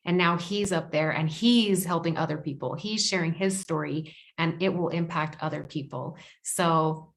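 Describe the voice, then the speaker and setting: A woman's voice: low voice, moderate pace, hardly any pauses. A woman guest speaking earnestly in an interview, often repeating words for emphasis. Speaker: podcast guest. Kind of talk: heartfelt interview conversation.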